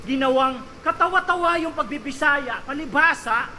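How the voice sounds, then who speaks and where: A man delivering a battle rap verse in a high, bright voice. He taunts his opponent and hammers each punchline with a shout. Faint noise sits beneath the voice. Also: normal speed. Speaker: battle rapper.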